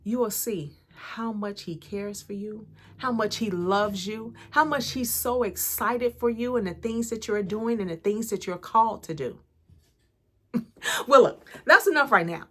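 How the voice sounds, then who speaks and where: A woman's voice: mid-range voice, unhurried, pushed and bright. An American woman, an empowerment coach and channel host, giving an earnest, conversational inspirational talk about faith straight to camera. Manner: earnest, conversational, preacher-like encouragement.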